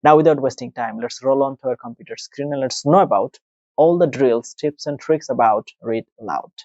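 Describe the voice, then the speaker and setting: A man teaching a test prep lesson. He asks and answers his own questions, and he slows down and spells things out when he speaks English. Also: medium pitch, a little mellow. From Bangladesh. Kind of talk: tutorial lesson, mixing Bengali and English. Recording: dry, dull lo-fi sound.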